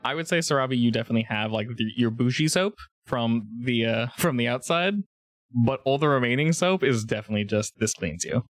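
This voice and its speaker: A man's voice: mid-range voice, a little fast, no room sound. A man narrating a tabletop game as its game master. His voice swings up and down with lots of life, and the sound is dry and close. He laughs easily as he describes what the players find. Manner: animated, laughs often.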